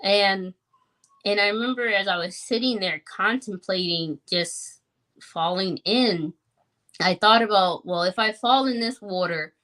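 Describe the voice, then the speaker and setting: A woman's voice: medium pitch, a little slow, fairly bright tone. A woman in her thirties sharing her personal story in a podcast conversation, reflective and earnest, with many fillers.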